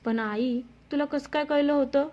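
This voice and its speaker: A woman voicing an excitable, childish young husband who pleads insistently in a storybook reading. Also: high-pitched, normal speed, pitched above the performer's own voice, natural voice. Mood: pleading. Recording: dull lo-fi sound.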